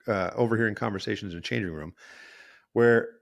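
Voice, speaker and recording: Rambling, self-correcting man, fairly low voice. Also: a little fast, vocal fry. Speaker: podcast host and therapist. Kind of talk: casual monologue.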